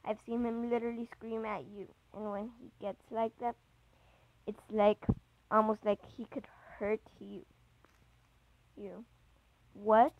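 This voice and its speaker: A woman's voice: fairly high pitch, little pitch movement, a little slow, long pauses, dry recording, lo-fi sound. A woman voicing Mary, a worried, pushy girlfriend. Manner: insistent, pressing questions. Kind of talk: reading a chat story aloud.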